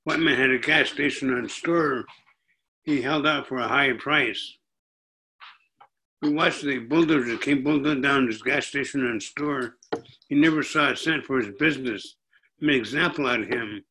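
An older man tells a story and reads his poetry aloud. His delivery is slow and deliberate, each line measured and set apart. His pitch sits in an ordinary middle range for a man. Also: pushed and bright, slight background noise, rough recording. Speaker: storyteller and poet.

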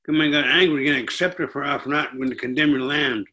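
An older man, a storyteller and poet, telling his story and then reading his poems in a slow, measured, deliberate way. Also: fairly high pitch, steady tone, pushed and bright, rough recording.

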